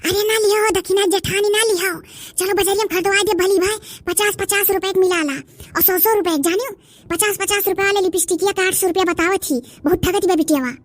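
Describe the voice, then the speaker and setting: Woman doing a shrill haggling Awadhi village woman. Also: steady tone, fairly quick. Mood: complaining. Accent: Awadhi, eastern Uttar Pradesh. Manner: rustic, complaining, haggling. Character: bargaining village woman, adult, loud and quarrelsome. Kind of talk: cartoon dub voice acting.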